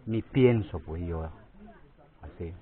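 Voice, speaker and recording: Halting low-voiced man, tinny phone sound. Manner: halting, repeats words, grows forceful when protesting. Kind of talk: outdoor field interview. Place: outdoors by a forest clearing. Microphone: phone held near the face.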